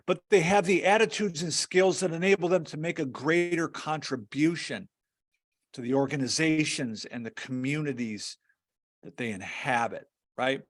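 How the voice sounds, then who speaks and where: A man giving a webinar presentation over a video call, earnest, often repeating words and filling pauses. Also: on the high side.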